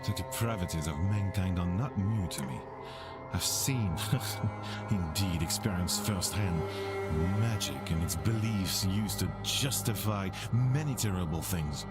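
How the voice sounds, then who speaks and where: A man voicing an aloof, reclusive French gentleman in a put-on French accent, measured and faintly smug. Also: sits low, expressive, loud music behind the voice. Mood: troubled.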